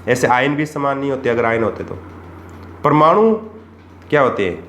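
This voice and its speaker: A man's voice: medium pitch, lively intonation, moderate pace, fairly bright tone. A man teaching chemistry for exams, asking rhetorical questions and repeating the key points. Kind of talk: exam-prep lesson. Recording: echoey room with faint background noise.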